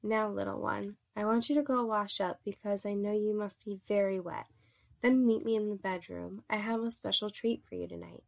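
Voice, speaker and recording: A woman voicing a soft-spoken dominant man. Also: mid-range voice, fairly even intonation, moderate pace, vocal fry, lightly acted. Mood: tender, commanding. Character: dominant gentle adult male lover. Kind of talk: erotic story reading.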